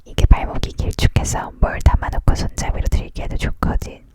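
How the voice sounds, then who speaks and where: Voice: a little fast, lightly acted. Whispered role-play, reader doing grumpy braggy santa guy from a storybook, all whisper. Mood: defensive. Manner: grumbling, self-justifying. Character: gruff, touchy, boastful Santa Claus dream maker, male.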